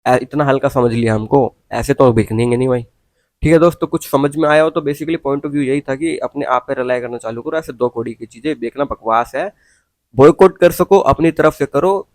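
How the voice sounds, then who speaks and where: A man's voice: mid-range voice, brisk, darkish tone, no room sound. A young man ranting casually to camera, blunt and preachy, mixing in English phrases and slang. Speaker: vlogger. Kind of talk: casual opinion rant.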